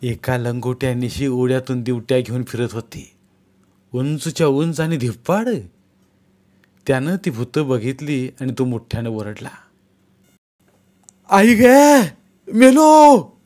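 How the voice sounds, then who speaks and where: A man's voice: mid-range voice, moderate pace, warm tone. A man reading a novel aloud as a storyteller, telling the story steadily and acting out the dialogue.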